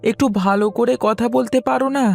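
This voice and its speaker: A woman's voice: on the high side, fairly even intonation, a little fast, vocal fry, darkish tone, faint music behind. A woman voicing a sulky, playful young village boy in a cartoon, with a whiny way of talking. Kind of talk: cartoon voice acting.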